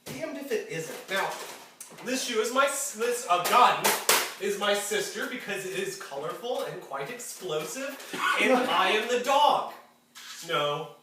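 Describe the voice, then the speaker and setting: A stage actor with a high, expressive voice and measured pace plays a tearful, self-pitying alien henchman, whining his way through a rambling comic monologue. This live comedy performance was captured from far off in an echoey theatre, with plenty of noise.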